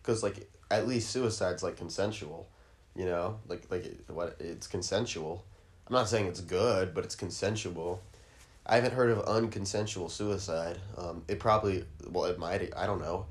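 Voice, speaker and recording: Speaking at a moderate pace, the male host of a comedy podcast rambles crudely with plenty of ums and restarts. He also lets out shrill, squealed sound effects.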